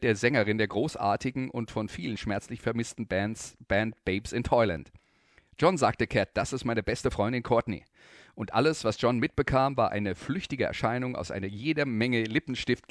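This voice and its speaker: A man hosting a radio music show, telling a music story between songs in calm, scripted narration. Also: mid-range voice, moderate pace, dry recording, studio quality.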